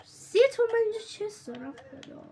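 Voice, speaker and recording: A woman gaming streamer in casual let's-play commentary, excitable and jokey, often crying out, laughing and dropping into hushed whispers. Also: extremely high pitch.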